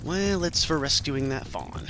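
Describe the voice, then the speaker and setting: A man's voice: a little high, big pitch swings, measured pace. A man giving casual, chatty, self-deprecating commentary as host of a video game walkthrough. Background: game music.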